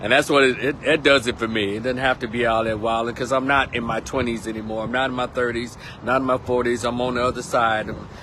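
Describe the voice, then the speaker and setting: Outdoors on a windy day, with a light hiss of wind and traffic behind him, a Texan vlog host in his 50s delivers an easygoing, rambling casual monologue full of laid-back slang. His medium-pitched voice is bright, forceful, and steady, and he talks fast with few pauses.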